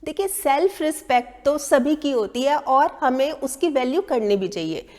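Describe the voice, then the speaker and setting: Woman with a high voice giving advice talks, acting out other people's taunts, in a reverberant room. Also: expressive, normal speed, darkish tone. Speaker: speaker giving advice on manners. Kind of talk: talking to camera.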